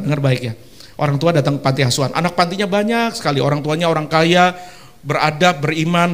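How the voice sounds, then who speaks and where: A male pastor preaching in a church service, lively and animated, leading the congregation in call-and-response and slipping in playful asides. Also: sits high. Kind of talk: sermon.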